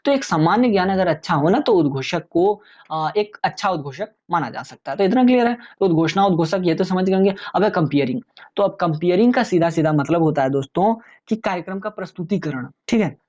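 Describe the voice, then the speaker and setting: A man explaining exam topics in a relaxed, conversational lecture, addressing viewers as friends. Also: high-pitched, fairly quick, highs cut off. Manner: chatty, many fillers and restarts. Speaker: exam tutor.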